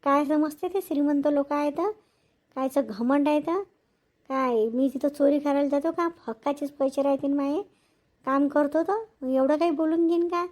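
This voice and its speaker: Woman playing a touchy, high-voiced village housemaid. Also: fairly even intonation, lightly acted, poor audio. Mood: aggrieved. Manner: sharp, quick to snap, aggrieved. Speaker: actor in a village family drama. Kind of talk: village comedy-drama acting.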